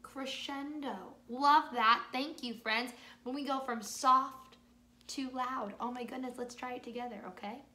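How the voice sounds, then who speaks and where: A young woman reads a picture story aloud in a kindergarten teacher voice. Her voice is high and bright, and she takes her time, stretching words out for small children. She is encouraging and exaggerated in her delivery. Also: steady tone, measured pace. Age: young adult. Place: small room at home.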